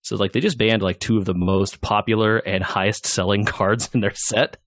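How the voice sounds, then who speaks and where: A man co-hosting a podcast, chatting casually about gaming news in a relaxed, rambling way. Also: lowish voice, normal speed, no echo, studio quality. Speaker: podcast co-host.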